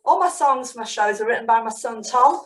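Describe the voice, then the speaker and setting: A woman who tells stories and gives teacher training, talking in an animated, sing-song way. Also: fairly high pitch, normal speed. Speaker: storyteller and early-years trainer. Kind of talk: webinar storytelling and teaching. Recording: roomy sound from a distant mic.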